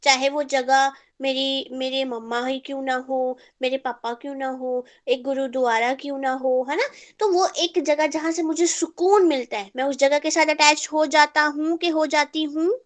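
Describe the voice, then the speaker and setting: A woman's voice: high voice, fairly even intonation, moderate pace, few pauses. A woman teacher giving an online class through an earphone mic, mixing Hindi with English terms and checking in with her students.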